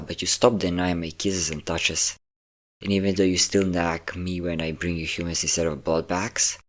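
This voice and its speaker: In an intimate audio roleplay, a man with a low, natural voice plays a centuries-old vampire captor who is possessive and doting, coaxing and teasing his listener.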